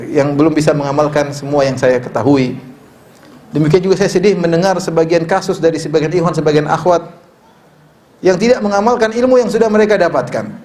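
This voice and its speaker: A middle-aged Indonesian Islamic preacher gives a sermon in a slightly high voice. He is conversational and tosses in humorous asides, then rises into forceful, emphatic appeals to his listeners.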